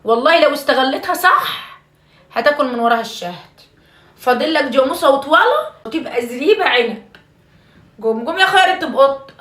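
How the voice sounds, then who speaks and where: A woman's voice: high voice, lively intonation, fast. An Egyptian woman playing a mother in a comic family video. She coaxes and scolds her son, swears oaths and piles on endearments. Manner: pleading and scolding by turns, with swearing oaths and loud bursts of exasperation; affectionate endearments, often dropping to a hushed, half-whispered tone.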